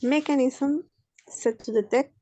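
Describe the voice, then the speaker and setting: A woman student reading English aloud in class, careful and halting. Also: high-pitched, warm tone, dry recording.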